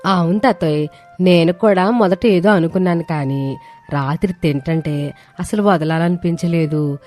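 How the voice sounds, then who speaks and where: A woman voicing a friendly village woman in a cartoon story, in a low, mellow voice. She chats openly, with faint music behind. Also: measured pace, close to an everyday voice. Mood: enthusiastic.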